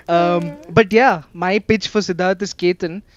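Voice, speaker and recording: Laughing young man, high voice. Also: slow pace, dull audio. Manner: laughs often, playful teasing. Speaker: podcast co-host. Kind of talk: casual chat.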